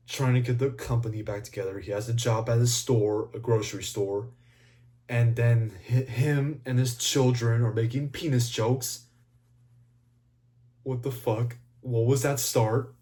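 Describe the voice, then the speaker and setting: Slow-talking, profane movie-review guy. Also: mid-range voice. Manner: rambling, profane, excitable. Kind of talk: casual video commentary.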